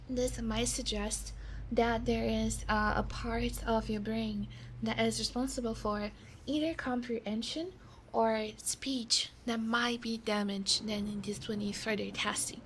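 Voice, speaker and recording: A woman in a whispered role-play as a reassuring doctor, talking softly and slowly and often dropping into a whisper. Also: a little high, a little hiss or hum, poor audio. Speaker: ASMR creator.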